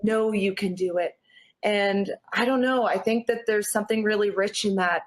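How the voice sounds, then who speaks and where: Earnest and encouraging, this natural athlete chats motivationally as an interview guest. Her mid-range voice moves at a normal speed, and she's Canadian, born in Newfoundland and brought up in Nova Scotia.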